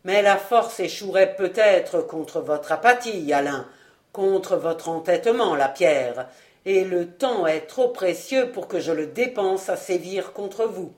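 A woman's voice: fairly low pitch, expressive. A woman doing a cold, scheming lord of the manor. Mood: cold, commanding. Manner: slow, weighty, pressing on each word. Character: scheming nobleman, master of the manor, commanding.

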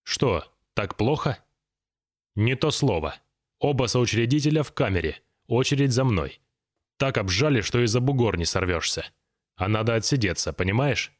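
Мужчина озвучивает грубого раздражённого босса. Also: male voice, medium pitch, animated, normal speed, natural voice. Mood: grim. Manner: blunt, coarse, impatient. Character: gruff irritable male businessman boss.

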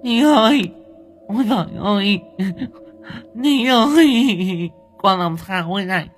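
A woman playing a loud, frantic village mother. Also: animated, normal speed, lightly acted. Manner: wailing, pleading, shrill. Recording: faint music behind.

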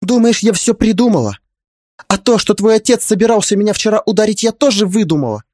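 Guy doing a teary pregnant young wife, high and insistent, pleading hard, dry audiobook read. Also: lively intonation, brisk, a little mellow, no echo. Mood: angry pleading. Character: young pregnant woman, tearful and fierce. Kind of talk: audiobook character reading.

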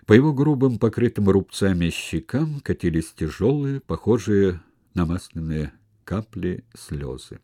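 A man narrating a historical novel as an audiobook, in a measured, expressive reading. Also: sits low, husky.

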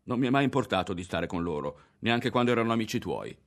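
A man's voice: fairly low pitch, animated, slow pace, darkish tone. A man reading a novel aloud and voicing a proud, defiant young girl, his delivery raised and indignant.

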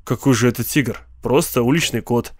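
A man's voice: mid-range voice, normal speed, a little mellow, no room sound, studio quality, close to an everyday voice. A man doing a cold, snappish husband. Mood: scornful. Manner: curt, snapping orders. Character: cold, irritable, domineering husband scientist.

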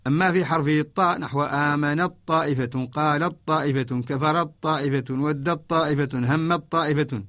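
A man teaching the rules of Quranic orthography in a radio lesson, explaining a didactic poem and slowing down to recite verses and examples. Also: fairly high pitch, fairly even intonation, a bit bright. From Mauritania.

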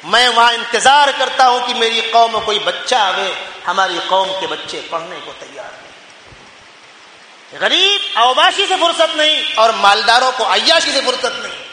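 A man's voice: extremely high pitch, animated, sharp tone, slight background noise. A man from India preaching a fervent Urdu sermon in a mosque, full of rhetorical questions and repeated phrases. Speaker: mufti preacher. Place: mosque hall. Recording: echoey mosque hall with long reverb.

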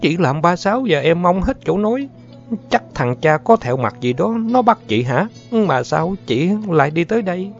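An eager young girl, as a male narrator puts her on in a storybook reading, asks in high, breathless bursts. Her voice jumps around a lot. The sound is dull and lo-fi, with faint music behind. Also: measured pace. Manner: high, excited, breathless questioning.

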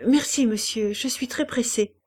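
A woman's voice: on the high side, normal speed, a little mellow, breathy edge, pitched above the performer's own voice. A woman reading aloud and voicing a reserved, proper young widow who speaks in short, polite lines, in a storybook reading. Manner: curt and polite.

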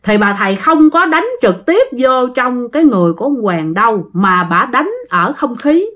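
A woman's voice: a little high, expressive, moderate pace, a bit bright. A woman telling a ghost story in a chatty way, addressing her listeners directly.

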